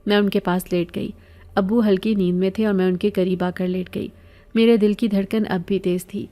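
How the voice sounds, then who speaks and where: A woman narrating a first-person horror story in a measured, even storytelling manner. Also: mid-range voice.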